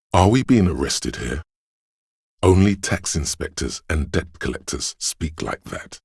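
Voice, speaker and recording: An actor gives full character voice to a slick, flashy hustler serving as a video game's inner voice. His male voice is very deep, gravelly, and a little mellow, smooth-talking, theatrical, and cocksure, recorded clean in the studio with no room sound.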